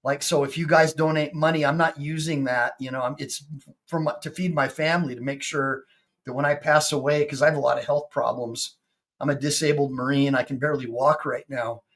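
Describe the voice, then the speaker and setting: A personal injury attorney in his fifties hosts a casual video-call chat, excitable and full of stammering restarts. His voice is fairly high-pitched and he talks a little fast.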